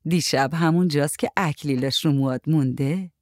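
A woman reading a story aloud, voicing a sarcastic, blunt young woman who talks in sharp, mocking retorts. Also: sits low, dry recording, clean studio sound, lightly acted.

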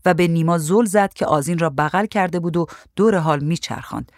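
A woman reading a story aloud in a calm, even voice. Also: on the low side, no echo, studio quality. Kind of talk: storybook narration.

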